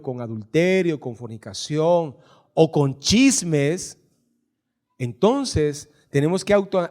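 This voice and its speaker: A male pastor with a Guatemalan Spanish accent preaches in a church. His voice sits high, and he takes his time, drawing out each item of a scripture list and teasing the congregation in between. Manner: reads scripture lists slowly, jokes with the congregation. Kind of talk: sermon. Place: church hall.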